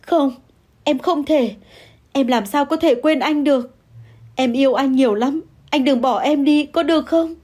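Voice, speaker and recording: A woman playing a scheming young mistress who yells and sobs in a high, strained voice. She pleads and wails with her pitch pushed well above normal talk. It is heard in a read-aloud audio story. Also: normal speed, lightly acted. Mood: tearful wailing. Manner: shouting, wailing, pleading.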